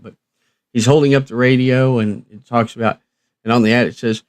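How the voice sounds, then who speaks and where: This radio reviewer hosts a laid-back live stream, rambling folksily and hesitantly and letting his phrases trail away. His voice sits at medium pitch, with no echo in the recording.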